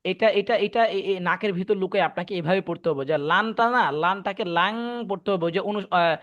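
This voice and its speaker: Teaching Quran recitation online, this man goes over tajweed patiently, repeating himself and making sure students follow. His voice sits high and sounds a bit bright, his pace is brisk, and the recording is muffled.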